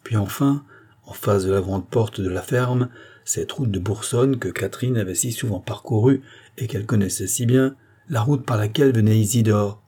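A male audiobook reader giving a measured, even narration of a novel. His voice is low and mellow, with a husky edge.

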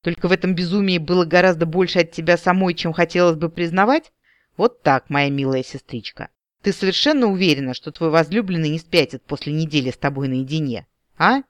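A man's voice: on the high side, brisk, no echo, natural voice. A man voicing a teasing, ironic elder brother talking on the phone in an audiobook. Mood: mocking. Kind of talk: audiobook character voice.

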